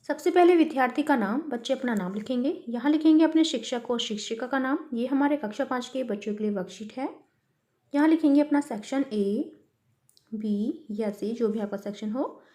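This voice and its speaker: A woman's voice: high-pitched, normal speed, mellow. A woman teaching a children's worksheet lesson. She calls the pupils "beta" and asks and answers her own questions.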